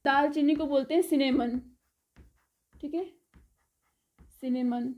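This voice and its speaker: A spoken English teacher with a high, light voice leads a casual vocabulary lesson, saying each word slowly and spelling it out letter by letter. She adds a quick "okay" after almost every item, keeping a steady, darkish tone.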